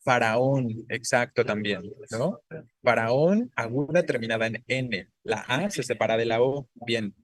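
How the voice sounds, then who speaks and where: A man's voice: mid-range voice, lively intonation, measured pace, no room sound. A man teaching a grammar class, explaining patiently and often checking in with his students with short tag questions. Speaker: Spanish teacher. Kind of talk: online class lecture.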